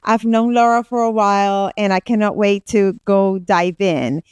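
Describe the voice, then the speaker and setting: A woman's voice: medium pitch, fairly even intonation, normal speed, a little mellow, clean tone, no echo. A woman co-hosting a podcast, introducing her guest in an eager, gushing way. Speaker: podcast co-host. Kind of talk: podcast interview.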